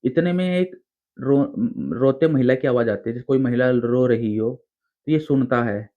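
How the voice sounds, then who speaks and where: A man's voice: mid-range voice, moderate pace. Storyteller, male, casual chatty horror narration, phone-quality tinny audio. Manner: informal, chatty retelling in plain speech.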